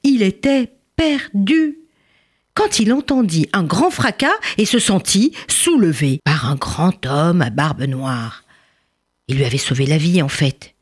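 Storyteller: woman, lively, animated intonation, expressive reading. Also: on the low side, a little slow, breathy edge.

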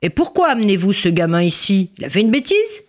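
A woman's voice: medium pitch, very animated, a little fast, a little mellow, voice pushed up, lightly acted. Big bossy tavern lady in a storybook, firm and emphatic, reader putting her on. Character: huge imposing kindly innkeeper woman.

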